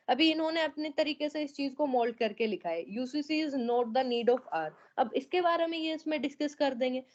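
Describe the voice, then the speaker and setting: A woman's voice: sits high, a little mellow, dull audio. A woman teaching an online class, going over students' essays and often checking that they follow. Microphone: online meeting audio.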